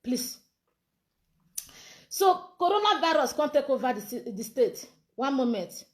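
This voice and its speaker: A Nigerian woman with a high-pitched voice speaks in a live social media monologue. She sounds heated and insistent, and she keeps demanding to be heard. She comes across as a campaign organizer speaking her mind. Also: big pitch swings, a little slow.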